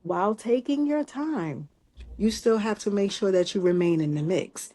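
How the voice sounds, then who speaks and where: Woman co-host thinking out loud. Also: medium pitch, animated, normal speed. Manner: thinks aloud with many restarts and emphatic asides. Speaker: podcast co-host. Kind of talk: casual chat.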